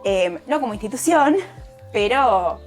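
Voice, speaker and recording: A young woman with an Argentine accent, speaking as a guest poet in a relaxed conversation and pausing often to find her words. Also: fairly high pitch, soft background music. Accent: Argentine Spanish. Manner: thoughtful, hesitant, many fillers. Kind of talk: casual conversation.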